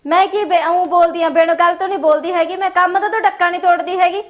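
Very high-pitched scolding woman. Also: fairly even intonation, fast talker. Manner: scolding, sharp-tongued. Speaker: daughter-in-law in a family drama. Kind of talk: amateur family drama acting.

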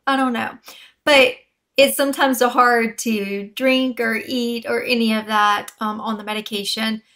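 A woman vlogger, a bit hoarse, giving a chatty, rambling weight-loss update full of fillers and restarts. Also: a little high, a bit bright.

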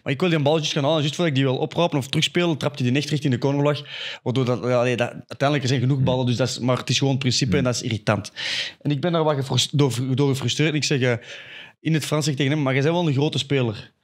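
A young Flemish man chatting casually and telling a story, animated and full of restarts. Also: medium pitch, racing. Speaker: podcast co-host, footballer. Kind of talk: casual chat.

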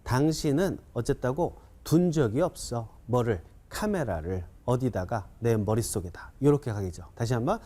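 A man teaching an English writing lesson, quizzing viewers with questions and leading slow repetition drills. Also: mid-range voice. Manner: animated, coaxing, keeps asking students questions; repeats drills slowly, counts learners in. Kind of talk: classroom-style video lecture.

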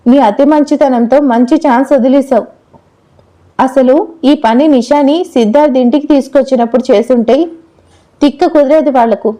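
Brief: playful young woman friend in an audio story, teasing and quick to anger, voiced by a woman narrator, high, soft tone. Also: natural voice, low-quality recording. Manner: teasing, then heated.

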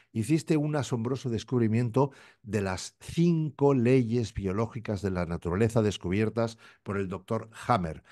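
A middle-aged man hosts an interview over a video call from his home office. He talks freely and jokes, spinning out long questions. His voice sits in a middle range. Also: medium pitch. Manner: chatty and animated, joking, long run-on questions. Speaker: host. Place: home office with framed posters.

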